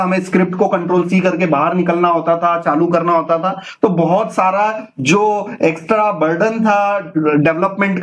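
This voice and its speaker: An Indian man teaching a live coding class, mixing English terms into Hindi and often checking in with his students. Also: high voice. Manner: explains with frequent "ठीक है ना?" check-ins. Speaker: instructor.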